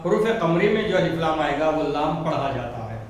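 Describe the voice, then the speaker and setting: A man's voice: fairly high pitch, lively intonation, moderate pace, distant mic. A man with an Urdu-speaking Indian accent teaching a textbook lesson, patiently repeating words and spelling out letters. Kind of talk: slow textbook lesson explanation. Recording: very echoey room, voice from afar, faint background noise.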